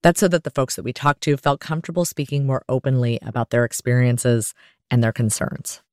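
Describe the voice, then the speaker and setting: A woman hosting a podcast, narrating from a script in a clear, measured way. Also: very deep voice, a little mellow, no room sound, clean studio sound. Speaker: podcast host.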